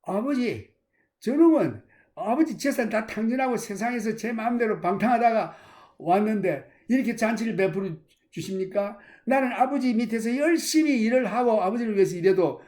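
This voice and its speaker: A man's voice: high voice, animated, normal speed, mellow. A man preacher voicing a resentful elder son who grumbles to his father, in sermon storytelling with character voices. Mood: indignant. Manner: indignant, grumbling.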